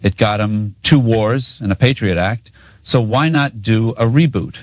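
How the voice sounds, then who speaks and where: A man's voice: lowish voice, a little slow, a little mellow, dry recording. A man co-hosting a political talk show, trading a scripted rant in sarcastic, cynical, profane street talk. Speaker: co-host.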